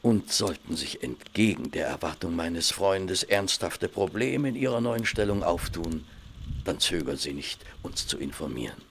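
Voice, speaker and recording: An actor playing a courteous, kindly gentleman doctor in a German radio play, speaking in a measured, considerate way. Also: sits low, lively intonation, vocal fry, a little hiss or hum, exaggerated voice. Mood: kindly, reassuring.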